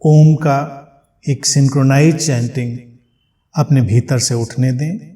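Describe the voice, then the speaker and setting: A man guides a meditation in a medium-pitched, steady voice, speaking gently in short phrases separated by long pauses.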